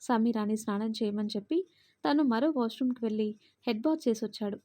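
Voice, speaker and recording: A woman narrating a family drama story in a steady, expressive way. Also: on the high side, brisk.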